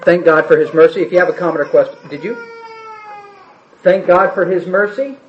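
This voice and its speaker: High-pitched and brisk, a man teaches a Bible class in a lively, conversational style, voicing quotes dramatically and asking listeners questions. The room recording is lo-fi, dull and roomy, carrying a little hiss or hum.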